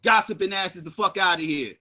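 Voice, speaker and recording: A man's voice: high-pitched, brisk, sharp tone. A man giving angry, profane, sarcastic commentary on a livestream.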